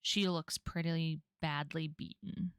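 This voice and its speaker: A woman's voice: low-pitched, fairly even intonation, slow pace, smooth, no room sound, clean studio sound. A woman narrating a tabletop role-playing game as game master.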